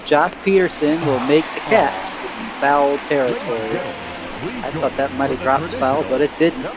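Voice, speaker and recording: A man giving relaxed, chatty play-by-play of a baseball game, in a casual and self-deprecating way. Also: mid-range voice, unhurried, over a noisy crowd, rough recording. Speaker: play-by-play commentator.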